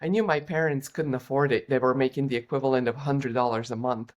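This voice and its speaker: Speaking quickly with fairly even intonation, this former Olympian from Bulgaria, now middle-aged and working as an executive coach, recounts her life in a podcast interview. Her voice is bass-deep, and her tone is earnest and reflective.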